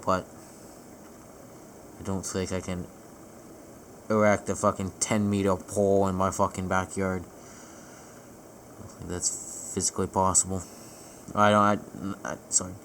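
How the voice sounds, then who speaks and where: A man's voice: deep voice, slight background noise. A young man, casually talking through the weather forecast as an amateur vlogger, swearing freely and often correcting himself. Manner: casual and profane, with frequent self-corrections. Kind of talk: casual chat.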